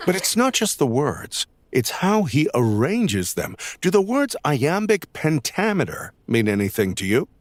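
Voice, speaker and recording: A man's voice: fairly high pitch, huge pitch swings, a little hiss or hum. A man voicing an eccentric English teacher who lectures with a dramatic classroom flair. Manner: slow, dramatic classroom delivery.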